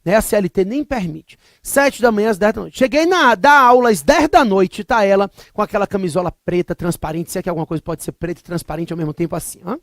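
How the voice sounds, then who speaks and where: A man's voice: sits high, fast, hardly any pauses, no echo, clean studio sound. Jokey Brazilian man lecturing on law. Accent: Brazilian Portuguese. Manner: emphatic, repetitive, jokey digressions. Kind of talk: recorded exam-prep lecture with comic anecdotes.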